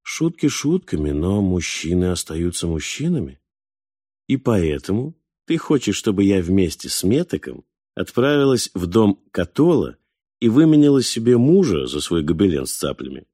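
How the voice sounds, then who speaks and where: A man voicing a teasing seventeen-year-old girl weaver in a storybook reading, her lines wry and gently mocking. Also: low voice, big pitch swings, normal speed, breathy edge, no echo, studio quality, full character voice.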